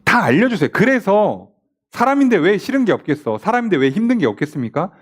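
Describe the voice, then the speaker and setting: A man's voice: sits high, big pitch swings, fast. A man, a pastor, leading a casual Bible study and often asking his listeners rhetorical questions. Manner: casual, talkative, plays out quoted lines.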